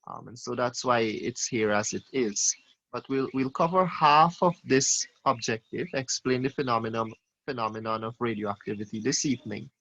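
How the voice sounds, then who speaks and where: Teacher for an online class, man, mid-pitched, questioning tone, muffled lo-fi call audio. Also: normal speed, a bit bright. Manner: questioning, calls on students by name. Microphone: video call.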